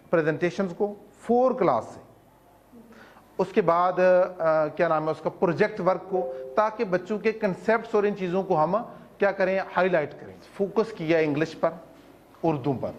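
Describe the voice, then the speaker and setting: School principal, man, high voice, earnest explainer, rhetorical questions, mixes in English terms, muffled recording. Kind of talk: explanatory talk to parents.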